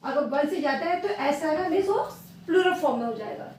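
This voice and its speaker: A woman teacher with an Indian accent, patiently dictating a maths lesson to young children, repeating each word slowly. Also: high voice, expressive, a little mellow. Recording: echoey room, voice from far off.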